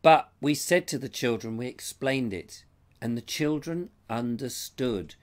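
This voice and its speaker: A middle-aged Englishman hosts a live stream, rambling and chatting as he reads viewer comments aloud. He has a cold, so his mid-range, expressive voice sounds strained and keeps fading as he loses it, and he talks a little slowly. It's recorded on a lapel mic.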